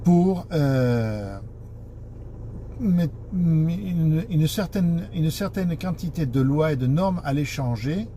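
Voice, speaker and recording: Halting man in broken French, slow-paced. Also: on the high side, expressive, warm tone, a little hiss or hum. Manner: halting, broken French with word searching and grammatical slips. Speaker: taxi association board member and spokesman. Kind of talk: informal explanatory address.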